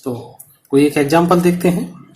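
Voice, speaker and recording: A man's voice: fairly high pitch, normal speed, darkish tone. A man teaching a punctuation lesson to students, explaining patiently and repeating each example.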